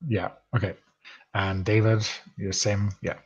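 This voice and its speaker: A man's voice: fairly low pitch, flat delivery, unhurried, slightly rough, highs cut off. Easygoing man running a tabletop game. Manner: hesitant, many fillers, easygoing. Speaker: game master.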